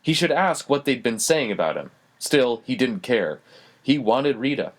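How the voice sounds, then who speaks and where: A man narrating a romance audiobook in a measured, expressive way, close to the mic. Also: mid-range voice, dry recording.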